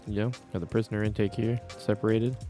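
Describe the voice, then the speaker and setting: A man's voice: fairly low pitch, level tone, fairly quick. A man giving casual commentary while building in a game, thinking aloud and rambling, bothered by hiccups. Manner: rambling, thinks aloud, repeats things to himself. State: hiccuping and burping. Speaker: Minecraft builder narrating his build. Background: soft background music.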